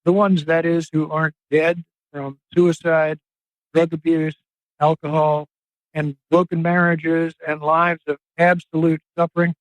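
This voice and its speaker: An older man speaking as an investigative reporter and guest, in an earnest, emphatic interview monologue with drawn-out phrasing. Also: on the high side, flat delivery, no room sound. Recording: dry, slightly dull podcast audio.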